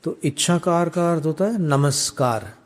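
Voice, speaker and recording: A man, a monk, chanting prayers in a drawn-out way and then explaining scripture in a calm teaching sermon. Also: fairly high pitch. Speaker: Jain monk giving a discourse.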